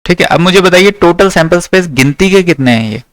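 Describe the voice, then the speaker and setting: Young male maths tutor, smooth clear voice, a little high, dry close sound. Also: animated, brisk, a bit bright, no room sound. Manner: checks in with the class often. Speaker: maths teacher. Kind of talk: classroom lecture.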